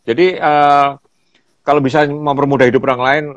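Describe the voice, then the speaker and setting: An older man from Indonesia chatting casually, telling lively stories and often laughing. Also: on the high side, moderate pace, no echo. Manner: animated storyteller, laughs often, acts out quoted voices. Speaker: photographer and guest. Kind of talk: casual storytelling chat.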